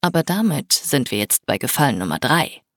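A teasing young boyfriend, as a woman reader puts him on, with a husky, slightly breathy tone. He murmurs his lines low-key and dry, close to the mic with no room around him. An audiobook reading with plain, everyday delivery. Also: very animated, brisk, a bit bright, dry recording.

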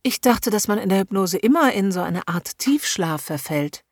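A woman voicing a curious, nervous young woman client, speaking softly and breathily. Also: medium pitch, lively intonation, normal speed, no echo, clean studio sound, pitched above the performer's own voice. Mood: curious eager.

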